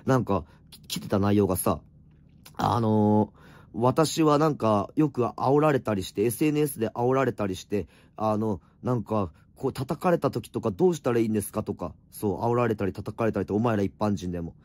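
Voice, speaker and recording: A middle-aged man with a slightly hoarse, fairly low, somewhat mellow voice chats casually on a late-night livestream from home, wrapped in an electric blanket. He talks fairly quickly, reading out viewer comments and answering them bluntly with teasing, rough asides.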